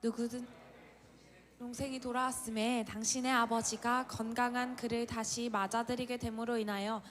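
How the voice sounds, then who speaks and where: A woman's voice: a little high, little pitch movement, moderate pace. A woman reading scripture aloud with the congregation. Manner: reads scripture aloud in unison.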